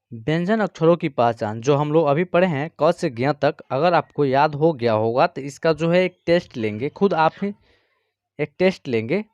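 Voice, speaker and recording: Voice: medium pitch, darkish tone, no room sound, lo-fi sound. An online teacher giving a patient beginner's lesson, reciting letters one by one and often adding small check-in fillers. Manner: patient, repeats "theek hai" and "jo hai" fillers.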